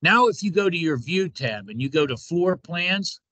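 Bright-voiced man teaching software steps. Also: fairly high pitch, lively intonation, normal speed, dry recording. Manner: informal step-by-step instruction, repeated "watch". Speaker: instructor. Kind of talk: screen-recorded software tutorial.

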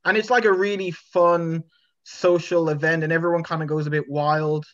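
A man's voice: a little high, flat delivery, moderate pace, a bit bright, dull audio. A young man co-hosting a podcast, telling a story with an easy, wry manner over a video call from home. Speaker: podcast co-host. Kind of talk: casual chat. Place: room at home.

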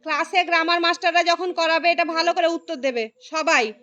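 A woman teaching a room of young pupils in a very high, bright voice. She calls on each child by name, patiently repeats the key phrases and encourages every answer. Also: fairly even intonation, a little fast, highs cut off. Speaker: primary school teacher. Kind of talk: classroom lesson.

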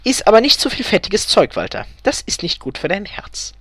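A man doing a shrill, nagging older wife. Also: sing-song, moderate pace, bright, forceful tone, no echo, exaggerated voice. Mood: bossy nagging. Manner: hissing, bossy, scolding.

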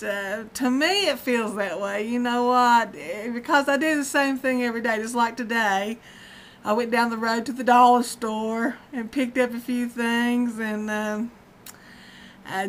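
A vlogger in her 50s chats casually and ramblingly at home, often breaking into laughter. Her voice is fairly high and fairly bright, picked up by a close webcam in a dim indoor room.

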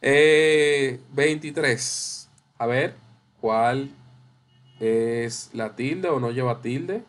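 A man teaching a spelling class, drawing out syllables slowly and repeating words to stress them. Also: medium pitch. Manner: slow, drawn-out syllables, repeats words for emphasis. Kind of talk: online class correcting exercises.

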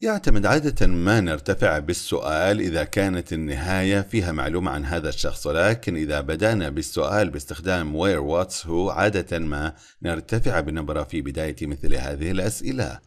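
Male english teacher, low voice, lively intonation, slow english then quick explanations. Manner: reads English phrases slowly then explains in Arabic quickly. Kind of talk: recorded textbook lesson.

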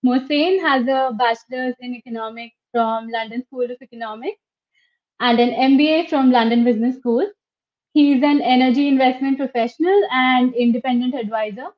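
A woman's voice: sits high, fairly even intonation, moderate pace. Young woman reading formal intros, video call. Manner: reads out formal introductions steadily. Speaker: student event host. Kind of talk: scripted introduction. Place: home room, indoors. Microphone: video call webcam. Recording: muffled lo-fi video call audio.

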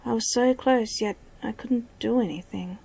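A woman voicing a gentle, understanding male wolf in a soft, partly whispered voice. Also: on the high side, moderate pace, gravelly, husky.

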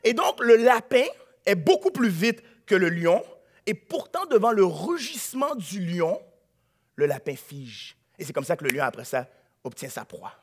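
High husky pastor preaching in church, goes quiet then loud. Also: male voice, big pitch swings, moderate pace. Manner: dramatic preaching, swings from hushed to shouting. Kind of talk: sermon.

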